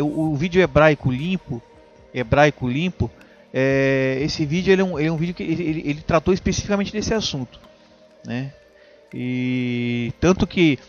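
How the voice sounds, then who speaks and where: A man's voice: a little high, highs cut off. A man explaining a topic in casual talk, hesitant, with many restarts and tag questions. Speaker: video host.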